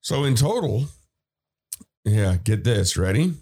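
A man's voice: fairly low pitch, sing-song, takes it slowly, darkish tone, slightly rough. A man hosting a podcast, giving casual political commentary in a conversational way with fillers and asides. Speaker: podcast host.

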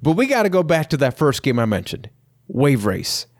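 A man's voice: a little high, very animated, normal speed, no room sound, clean studio sound. Upbeat man hosting a retro-game podcast. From Puerto Rico. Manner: upbeat, playful, jokey. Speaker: podcast host. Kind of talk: casual podcast chat.

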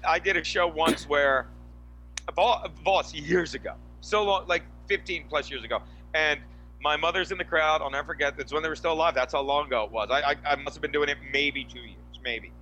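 A man telling stories in casual chat, animated and profane, acting out quotes loudly. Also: fairly high pitch, a little fast, slight background noise, poor audio. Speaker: comedian podcast guest.

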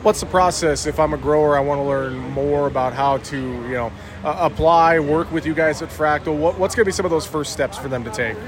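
Male on-location broadcast interviewer, a bit higher in pitch, courteous and chatty, outdoor event setting. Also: brisk, crowd noise. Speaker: farm show interviewer. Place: outdoors at a busy farm trade show.

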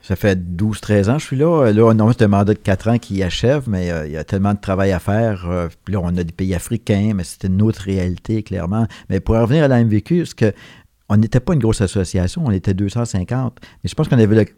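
A middle-aged Québécois man talking as a guest in a relaxed chat. His voice is low and warm, and he speaks in an earnest, reflective way. The sound is dry and close. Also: quick pace, no room sound. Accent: Québécois French. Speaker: guest, veterinary association co-president. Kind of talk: casual conversation.

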